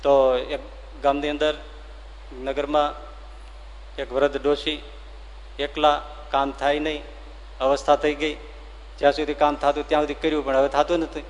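A man, a swami, telling a devotional story in a sermon, animated and acting out the dialogue. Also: fairly high pitch, moderate pace, pauses often, a little hiss or hum. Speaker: swami giving a religious discourse. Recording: long hall reverb.

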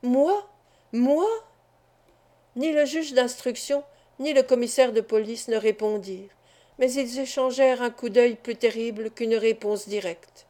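Woman, audiobook narrator, mellow tone, a little high, even reading. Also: moderate pace. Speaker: audiobook reader. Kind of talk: scripted narration.

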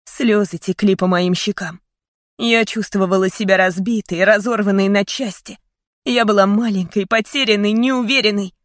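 A woman's voice: medium pitch, fairly even intonation, moderate pace, no room sound, clean studio sound. A woman narrating an audiobook in first person, earnest and heartfelt.

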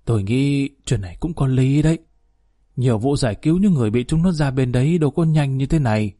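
A man reading aloud and voicing a sharp-tongued older wife and mother who accuses and wails in a storybook reading. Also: medium pitch, lively intonation, fast, dry recording, studio quality, natural voice. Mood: calm persuading.

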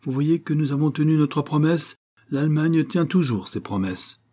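A man voicing a burly German major who is gruff, blustering and menacing in a storybook reading. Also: fairly high pitch, expressive, moderate pace, dark tone, voice pushed up.

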